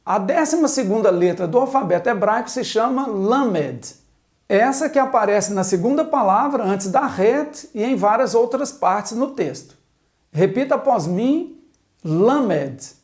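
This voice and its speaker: A Hebrew teacher gives a slow, patient lesson at a board, spelling out sounds one at a time and asking the viewer to repeat after her. Her voice is on the high side with a darkish tone, lively intonation, and an unhurried pace.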